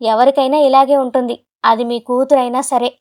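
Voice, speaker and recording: A woman voicing an arrogant, abusive young husband who shouts rapidly with contempt in a storybook drama. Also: high voice, steady tone, lightly acted. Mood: scornful shouting.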